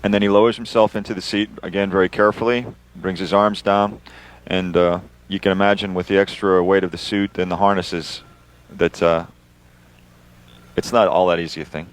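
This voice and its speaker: Low-voiced man giving informal commentary. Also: level tone, normal speed, low-quality recording. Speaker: astronaut guest commentator. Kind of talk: informal explanatory live commentary.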